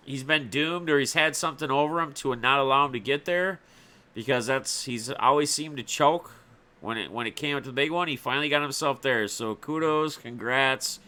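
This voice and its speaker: A man's voice: medium pitch, moderate pace, sharp tone, clear, resonant tone. A young man hosting a casual sports talk livestream, chatting loosely about football and answering viewers in the chat by name. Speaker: livestream host.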